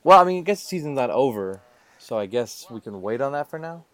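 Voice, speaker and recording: A man's voice: mid-range voice, big pitch swings, fast, a crowd in the background. A man co-hosting a casual sports podcast, laid-back and rambling with fillers. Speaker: podcast co-host.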